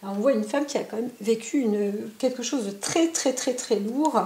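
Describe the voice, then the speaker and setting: A woman's voice: fairly high pitch, normal speed, dark tone, echoey room. A woman giving a spontaneous oracle card reading at home, talking straight to the viewer with many fillers and tag questions. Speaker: psychic card reader.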